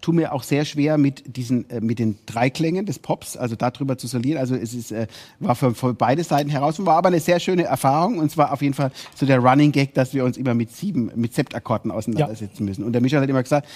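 A man hosting a casual podcast conversation in a lively, joking way. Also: medium pitch, fast. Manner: lively, joking, laughs often. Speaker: podcast host.

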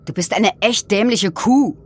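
A woman's voice: mid-range voice, measured pace, a little mellow, breathy edge. A woman voicing a worried, serious young man who scolds a careless girl. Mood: earnest.

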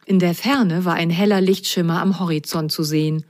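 A woman reading a children's bedtime story aloud, with a slow, clear storybook delivery. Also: fairly low pitch, fairly even intonation, darkish tone.

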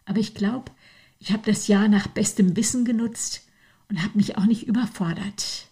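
An older woman giving a reflective faith talk, speaking softly and earnestly to the listener, often half-whispered. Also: mid-range voice, normal speed, breathy edge. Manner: earnest, addresses the listener directly. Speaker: devotional speaker.

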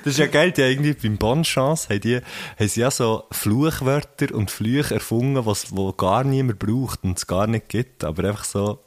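A man's voice: medium pitch, moderate pace, few pauses. A man with a Swiss German accent in casual chat, playful and fond of jokingly correcting his friend.

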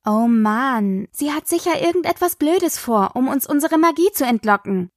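A woman's voice: high voice, animated, dry recording, studio quality. A woman voicing a cheeky teenage girl. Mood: teasing. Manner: sarcastic, quick-tongued. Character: teasing, cheeky teenage daughter.

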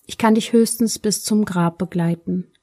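A woman voicing a kind, patient queen who gently apologizes in a storybook tale, in a warm, breathy voice. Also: mid-range voice, steady tone, moderate pace, close to an everyday voice. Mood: apologetic. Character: kind, patient queen, the king's second wife.

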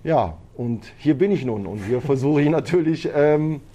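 A man's voice: fairly high pitch, expressive, normal speed, warm tone. A man who grew up in Italy, a martial arts trainer speaking as a podcast guest, talking casually with many hesitations and fillers. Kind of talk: casual interview talk.

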